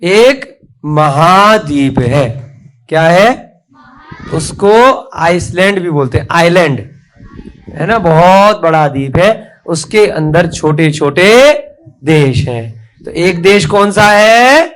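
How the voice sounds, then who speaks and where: A male teacher with a slightly high voice runs a slow classroom spelling lesson. He spells out words one letter at a time and has the children repeat after him.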